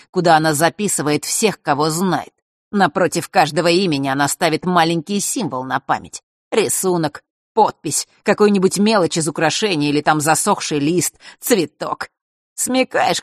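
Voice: medium pitch, no room sound, close to an everyday voice. Reader doing sneering teenage boy, spiteful, taunting, dry close sound. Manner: taunting, hissing threats.

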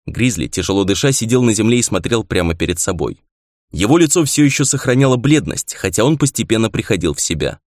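A man narrating a fantasy novel as an audiobook in a measured, expressive reading. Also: fairly low pitch, dry recording, clean studio sound.

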